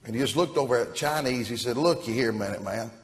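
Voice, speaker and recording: A middle-aged man preaches from a pulpit, telling a comic story in a folksy, animated way. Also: mid-range voice, quick pace. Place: large church auditorium, at a pulpit. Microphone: gooseneck podium microphone. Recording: echoey hall with background noise.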